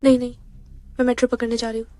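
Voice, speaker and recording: A woman's voice: on the high side, little pitch movement, racing, warm tone, natural voice. An actress dubbing a feisty young female secretary who is defiant and easily flustered. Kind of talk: dubbed drama dialogue.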